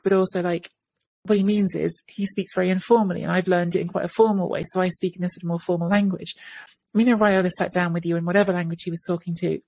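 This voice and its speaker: Joining her podcast co-host over video call on an earphone headset, a thirties-aged woman speaks from a bookshelf-filled room at home. Her fairly low voice is gravelly, a bit mellow and slightly rough, and her thoughtful talk is full of fillers and restarts.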